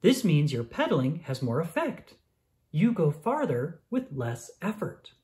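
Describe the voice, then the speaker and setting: In a mid-range voice and an unhurried rhythm, a narrator tells a children's science book to young listeners, clear and full of expression.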